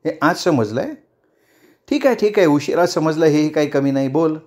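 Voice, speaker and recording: A man's voice: a little high, expressive, normal speed, a little mellow, lightly acted. A man voicing a confident, proud woman politician in a storybook reading, firm and cutting. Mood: stern. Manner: firm, cutting, self-assured.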